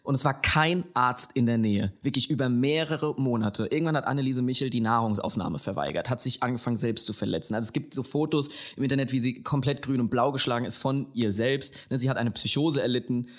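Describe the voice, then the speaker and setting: A chatty male podcast host from Hesse tells a true crime story in a loose, conversational way. He drops English slang into his sentences. His voice sits at a middling pitch. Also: fast talker, few pauses, a bit bright. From Hesse, Germany. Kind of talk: casual chat, telling a true crime story.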